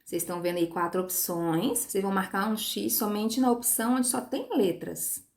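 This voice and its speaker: A woman teacher giving a recorded online lesson to young pupils, patient, spelling words out slowly and checking in with short tag questions. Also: mid-range voice, steady tone, gravelly, darkish tone. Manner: patient, stretches words syllable by syllable.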